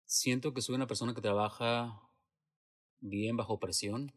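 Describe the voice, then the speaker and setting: A man's voice: medium pitch, steady tone, normal speed. A man who works in theater answers interview questions in a reflective, hesitant way, with many restarts and fillers. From Latin America. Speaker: theater actor and producer.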